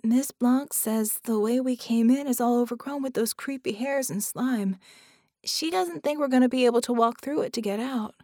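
A woman puts on a little girl's voice, pitched well up and eager, the words tumbling out earnest and a bit worried. The reading is close and dry, with no room around it. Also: moderate pace, dark tone, no room sound. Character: bright eager little girl.

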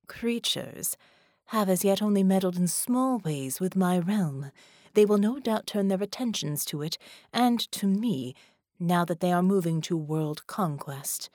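A woman narrator gives a light, stately performance of an imperious ancient sea goddess for an audiobook, speaking in slow, formal, deliberate phrases. The character sounds lofty and impatient with groveling, her medium-pitched, darkish voice lively in intonation. The storybook recording is dry and close.

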